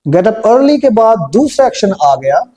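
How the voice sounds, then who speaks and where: A man with a Punjabi accent teaching a spoken English lesson step by step, slowing down and repeating phrases while he writes them on a board. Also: high-pitched, sing-song, dark tone.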